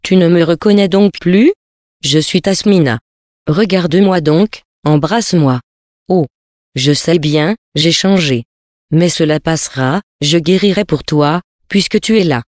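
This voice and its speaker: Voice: medium pitch, unhurried, a little mellow, no echo, clean studio sound, lightly acted. A reader voicing a wronged, ailing young Bedouin woman who pleads and then hurls accusing questions, in a storybook reading. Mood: pleading.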